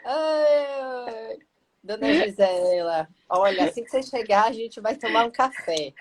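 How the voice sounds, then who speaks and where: Fairly high-pitched, expressive and a little slow, this woman hosts a live-stream interview in a relaxed, chatty way. She's a lawyer and mentor with a Bahian Brazilian Portuguese accent who speaks affectionately in long, winding sentences.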